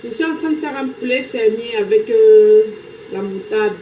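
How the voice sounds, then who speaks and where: A chatty woman with a Cameroonian French accent hosts a casual live stream from her home kitchen, greeting viewers as she cooks. Her voice sits a little high, and the room rings with echo under a faint hiss of noise. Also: normal speed, warm tone. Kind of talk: casual live-stream chat while cooking.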